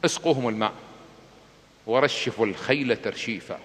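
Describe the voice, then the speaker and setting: A man voicing a calm, dignified male leader in a sermon, speaking lower and softer than his own preaching. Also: fast talker, natural voice. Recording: long hall reverb.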